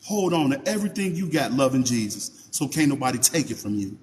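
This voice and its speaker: A man reading scripture slowly and then preaching in casual asides, talking to viewers by name and asking them questions. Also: mid-range voice, very animated, darkish tone, big-room sound, a little hiss or hum. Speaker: Bible teacher on a livestream. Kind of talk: informal Bible reading and preaching.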